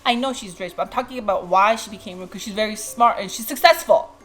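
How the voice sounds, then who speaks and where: A woman's voice: mid-range voice, quick pace, fairly bright tone, soft background music. A woman vlogger chatting casually while eating, rambling through a story and laughing easily. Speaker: mukbang vlogger.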